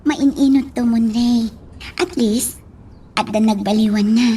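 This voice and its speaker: A woman voicing a caring partner who gently coaxes and encourages, in a radio drama. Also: a little high, fairly even intonation, takes it slowly, slight background noise. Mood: encouraging, tender. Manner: gentle, coaxing.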